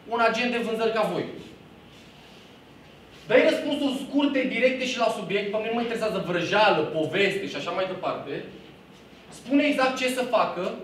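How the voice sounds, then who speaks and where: High-voiced man coaching in an echoey room. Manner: authoritative, direct tone; lists traits one by one. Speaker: real estate sales coach. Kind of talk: sales training lecture. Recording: roomy echo, distant mic, faint hum.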